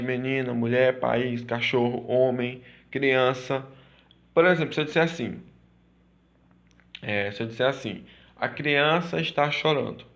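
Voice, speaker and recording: Male teacher, mid-pitched, explains step by step and keeps checking the listener follows. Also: a bit bright. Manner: repetitive, checks in with "certo?" and "tá?". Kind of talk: explaining grammar lesson.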